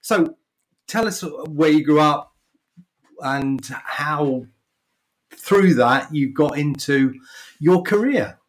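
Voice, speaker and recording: A man's voice: fairly high pitch, lively intonation, slow, long pauses, poor audio. A man hosting a casual, chatty interview, putting questions and comments to his guest. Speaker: interviewer, host.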